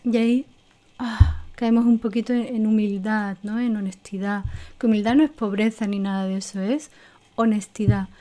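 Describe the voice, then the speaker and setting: Warm-voiced woman teaching slowly. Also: medium pitch, fairly even intonation. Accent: Spanish from Spain. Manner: reflective, repeats key words, asks "¿no?" often. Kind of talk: guided emotional lesson with exercises.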